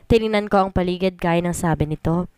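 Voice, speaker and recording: A woman reading a first-person story in scripted narration, in one even voice, code-switching between Tagalog and English. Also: fairly low pitch, a little fast, smooth, dry recording. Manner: reads every part in one plain voice, mixing Tagalog and English. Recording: voice over soft background music.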